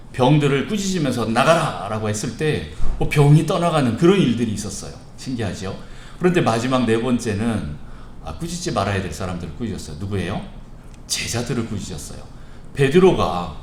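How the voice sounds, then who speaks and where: A man preaching a children's sermon, telling the story in a lively way, acting out voices and asking the children questions. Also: mid-range voice, slight background noise. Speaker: pastor. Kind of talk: children's sermon at a church service. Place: church sanctuary. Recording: echoey church hall.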